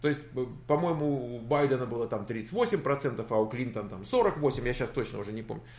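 A man giving casual political commentary on a live stream, halting, with many fillers and restarts. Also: medium pitch, darkish tone, roomy sound. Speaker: political commentator reading viewer chat.

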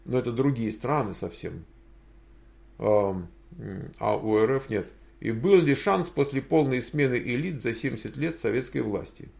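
A man's voice: mid-range voice, moderate pace, gravelly, darkish tone. An older man hosting a casual question-and-answer stream from home, answering viewers in a rambling way and thinking aloud with many hesitations. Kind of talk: casual livestream Q&A.

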